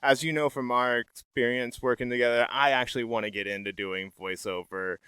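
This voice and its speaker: A man hosting a podcast, chatting casually with a guest in a relaxed, easygoing way and laughing a lot. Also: medium pitch, fairly quick, clear, resonant tone, no room sound. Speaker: podcast host. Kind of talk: casual interview talk.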